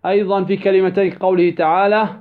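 Male tajweed teacher, high-pitched, drawing out example words slowly; muffled lo-fi sound. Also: level tone. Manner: asks prompting questions then answers them. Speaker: Quran recitation teacher. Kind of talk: tajweed lesson. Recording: dull lo-fi recording.

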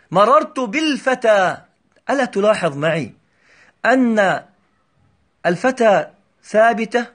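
A male teacher explaining a grammar lesson, patiently repeating examples slowly and checking that his students follow. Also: extremely high pitch, fairly bright tone.

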